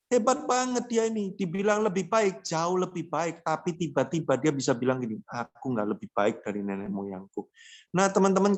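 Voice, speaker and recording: A man preaching a casual, joking youth sermon, slangy and acting out quoted voices. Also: high voice. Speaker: youth pastor.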